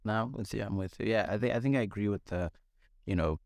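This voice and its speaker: A man's voice: lowish voice, fast, creaky, dry recording, studio quality. A man in his twenties from Zimbabwe, raised in Johannesburg, a music producer who talks in an easygoing way and fills his speech with little fillers. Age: 20s. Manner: easygoing, filler-heavy talk. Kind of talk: casual panel chat.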